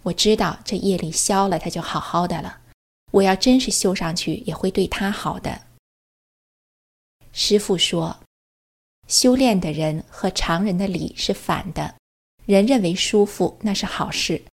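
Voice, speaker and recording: Lady telling her own story, earnest, kinda low voice, acts out the quotes. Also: a little slow, vocal fry. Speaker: religious practitioner sharing her experience. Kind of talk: personal testimony narration.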